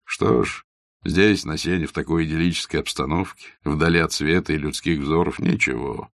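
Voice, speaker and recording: A man's voice: very deep voice, steady tone, moderate pace, gravelly, dry recording, clean studio sound. A man voicing a scornful young nihilist who talks in curt, sarcastic jabs. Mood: mocking.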